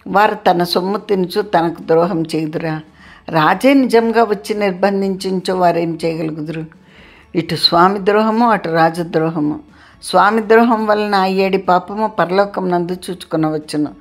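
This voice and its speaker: A woman reading a classic novel aloud in a steady, formal literary manner. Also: fairly low pitch, moderate pace. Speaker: audiobook narrator.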